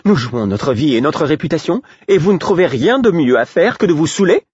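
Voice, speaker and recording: A man voicing a brisk, scolding female servant who speaks sharply and with exasperation, in an audiobook reading. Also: mid-range voice, animated, husky, no room sound, lo-fi sound, pitched above the performer's own voice.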